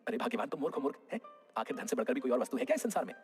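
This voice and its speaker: A man voicing a greedy, boastful village man who talks in loud, over-the-top exclamations in a cartoon story. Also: mid-range voice, very animated, racing, soft background music. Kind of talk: cartoon dubbing.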